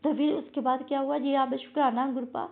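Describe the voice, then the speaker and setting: Brief: middle-aged woman giving a devotional testimony, high gravelly voice, emotional and repetitive, tinny phone-like sound. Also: fairly even intonation, a little fast. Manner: emotional, repeats phrases, addresses listeners often.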